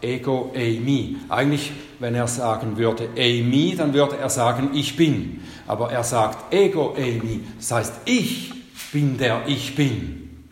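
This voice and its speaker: A man preaching a sermon, slow and emphatic, leaning hard on the quoted scripture. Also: medium pitch. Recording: echoey hall, long reverb.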